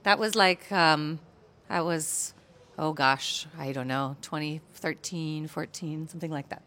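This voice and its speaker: A woman's voice: low-pitched, unhurried, a bit bright. An American woman speaking at a panel in a chatty, conversational way, with many fillers and restarts. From United States. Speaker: guest speaker at an urban planning event.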